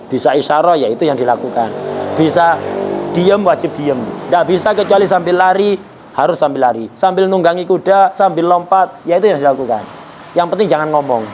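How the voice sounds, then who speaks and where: A man's voice: on the high side, brisk, darkish tone, slight background noise. A man teaching an Islamic jurisprudence lesson in a conversational way, asking rhetorical questions and joking. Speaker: religious teacher.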